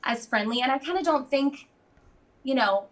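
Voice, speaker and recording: A woman guest in casual conversation, chatty and quick to laugh, with lots of fillers. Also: high-pitched, animated. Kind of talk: casual chat.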